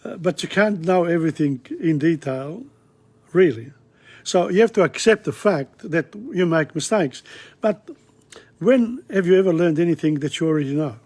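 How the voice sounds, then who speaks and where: A man's voice: fairly high pitch, expressive, moderate pace, darkish tone. A man teaching an informal language lesson, talking in a rambling, digressive, chatty way. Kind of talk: casual spoken lesson. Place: Australia.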